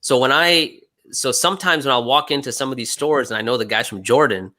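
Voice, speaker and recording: His mid-range voice is brisk and sharp. He's a young American guest speaker on a live stream, chatting casually, laughing often, and peppering his talk with "right" and "you know."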